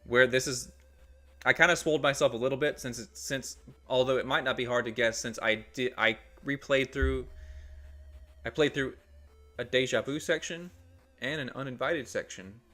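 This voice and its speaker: A man streaming a video game, chatting excitably as he plays. His voice has a bright, forceful tone at a mid pitch, and faint music runs underneath. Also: moderate pace. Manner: excitable, reads game text aloud. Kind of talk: let's play commentary.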